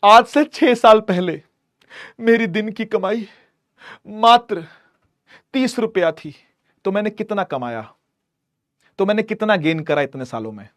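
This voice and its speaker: Male tutor, high voice, dry close sound, playful and teasing classroom delivery, physics lesson. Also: lively intonation, measured pace, pauses often, no room sound. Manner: playful, teasing, jokes with students; calls students "beta" affectionately. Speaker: physics teacher. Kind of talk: lively classroom lecture.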